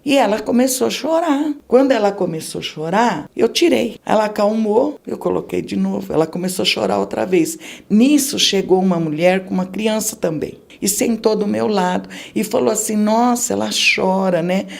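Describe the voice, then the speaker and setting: Gravelly Brazilian woman telling her testimony. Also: medium pitch, lively intonation, moderate pace, a little mellow. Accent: Brazilian Portuguese. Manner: vivid storytelling, acting out the people she quotes. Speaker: podcast guest giving testimony. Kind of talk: emotional religious testimony.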